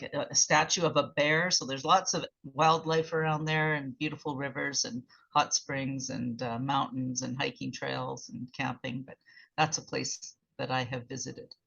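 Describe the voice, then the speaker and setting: Female host, relaxed and chatty, dull video-call sound. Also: rumbling low, creaky. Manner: relaxed, chatty, laughs easily. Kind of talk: casual group chat.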